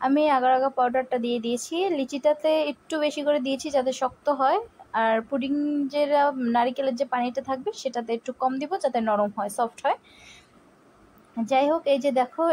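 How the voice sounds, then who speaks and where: A woman's voice: high-pitched, a little mellow, a little hiss or hum. A young woman with a Barishal Bengali accent, chatting casually as she demonstrates a recipe in her home kitchen and keeps telling viewers to look. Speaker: cooking vlogger.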